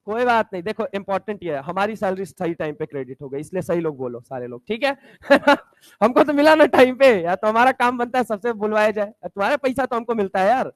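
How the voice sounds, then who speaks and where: A man teaching chemistry to a class, bantering and teasing students and drilling mnemonics slowly, sometimes shouting key points. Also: high voice, expressive, no room sound. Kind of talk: classroom lecture with call-and-response.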